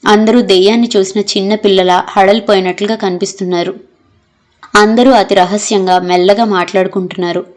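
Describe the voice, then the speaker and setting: A woman narrates a novel aloud in steady, measured scripted reading. Her voice sits in a middle pitch range, even and unhurried. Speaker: audiobook narrator.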